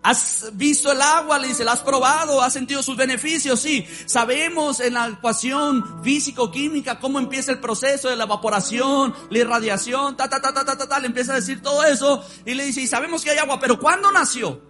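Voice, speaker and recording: A man's voice: extremely high pitch, a little fast, hardly any pauses, bright, forceful tone, soft background music. A man preaching a sermon in church, leading the congregation in call-and-response. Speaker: pastor.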